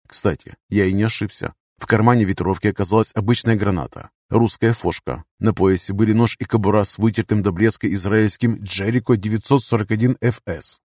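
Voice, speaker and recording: A man with a lowish voice reading an audiobook in the first person. His manner is wry and cynical, steady and matter-of-fact. The recording is dry and close, with no room sound. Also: brisk, few pauses, no echo. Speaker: audiobook narrator.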